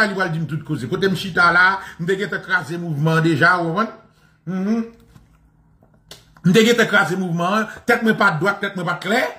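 A Haitian man with a Haitian Creole accent delivers a mocking political monologue that keeps circling back to the same phrases. His voice is high, bright, and forceful, and he's animated, often laughing as he repeats himself.

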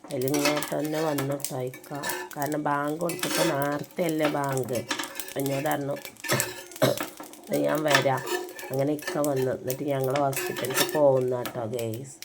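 A woman's voice: rumbling low, little pitch movement, moderate pace, heavy background noise. A woman with a Malappuram Malayalam accent, chatting casually to viewers in a home family vlog. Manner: chatty, addresses viewers with frequent tag words. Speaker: family vlogger.

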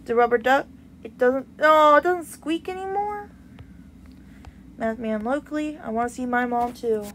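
A woman streaming a game live, reading the on-screen text aloud and reacting with excitement. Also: high voice, moderate pace. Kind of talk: live gameplay commentary. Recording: loud insect and cricket noise behind.

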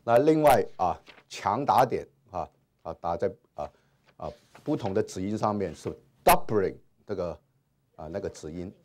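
A man's voice: sits low, lively intonation, normal speed, a little mellow. A man teaching Hebrew grammar in a classroom lecture, dropping in English terms and many "ah" and "ha" fillers. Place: classroom with whiteboard.

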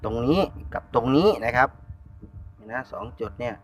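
A man's voice: mid-range voice, animated, moderate pace, dull audio, slight background noise. A man with an Isan Thai accent giving a hands-on electronics repair tutorial in a chatty, repetitive style at a workbench.

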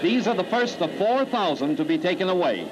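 A man's voice: sits high, big pitch swings, fairly quick, noisy background. A man announcing in an old 1930s newsreel, with an emphatic, declamatory delivery. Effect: old newsreel recording.

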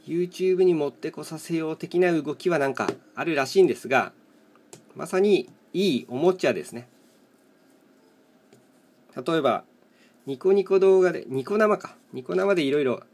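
A man with a voice a little higher than most men's talks casually, like a host chatting over a solo game. He thinks aloud in short fragments and keeps a plain, matter-of-fact way of speaking. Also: a little mellow. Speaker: host of a solo mahjong chat video and live streamer. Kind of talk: casual rambling commentary while playing tiles.

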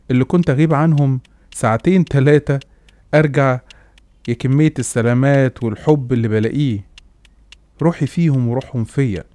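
A man's voice: medium pitch, mellow. A man with an Egyptian accent narrating a scripted horror story in a dramatic first-person storytelling manner.

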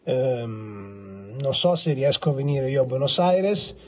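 A man's voice: medium pitch, slow. A man, sending an easygoing video greeting with hesitant fillers. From Italy. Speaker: family member sending a greeting. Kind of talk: recorded video message. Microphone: phone video.

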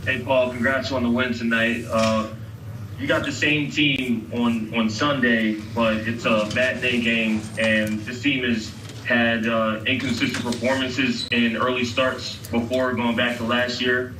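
Distant reporter in an echoey room. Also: male voice, medium pitch, flat delivery, a little slow. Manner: long detailed questions. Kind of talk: press conference question. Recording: roomy and distant, noisy.

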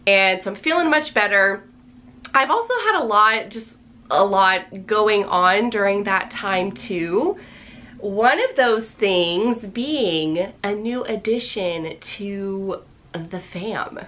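A vlogger in her thirties chats casually to the camera on her home-office desk, her medium-pitched voice bright, forward and slightly hoarse. She rambles upbeat, full of fillers and little laughs.

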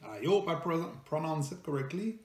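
A middle-aged man with a French Canadian accent, a native French speaker, reviewing a product in casual talk, halting with many fillers and restarts. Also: fairly high pitch. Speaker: food reviewer host. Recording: echoey room.

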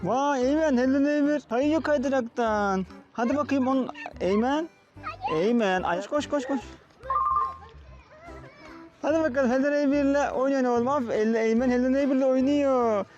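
A man's voice: very high-pitched, normal speed, pauses often, muffled recording, over music. A father playing with his young son in a family vlog, talking in a coaxing, repetitive, playful way.

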